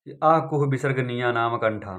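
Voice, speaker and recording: A man's voice: medium pitch, normal speed, a bit bright. A man teaching an exam-prep lesson, repeating points and asking and answering his own questions. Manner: repetitive, drilling, asks and answers own questions.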